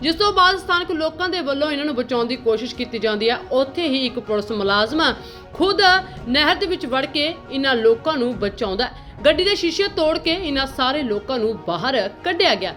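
A Punjabi-accented woman voices a news report in a measured, formal delivery. Her voice is notably high, with faint music running underneath. The delivery stays steady and scripted throughout. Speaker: news presenter.

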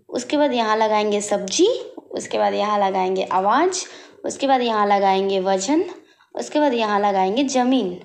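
A woman teacher slowly working through a worksheet, explaining each answer step by step as she writes. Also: on the high side, roomy sound. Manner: slow, explaining step by step while writing. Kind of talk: worksheet walkthrough lesson.

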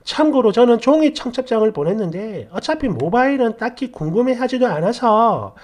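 Indignant woman telling a story, lively pitch. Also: moderate pace. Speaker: narrator of a reader's story. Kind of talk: first-person story narration.

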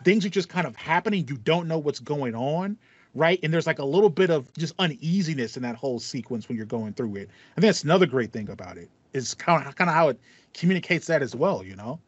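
This higher-pitched, slightly rough male voice belongs to a podcast co-host in his thirties who chats animatedly and quickly about video games, rambling enthusiastically and repeating phrases. He speaks through a headset on a video call from a small home room with acoustic foam, so the audio is slightly muffled with no echo.

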